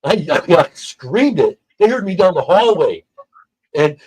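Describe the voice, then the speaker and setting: A man's voice: high voice, sing-song, measured pace, a little mellow, husky, low-quality recording. A man telling a personal story in casual chat on a livestream, acting out the people he quotes. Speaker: livestream guest.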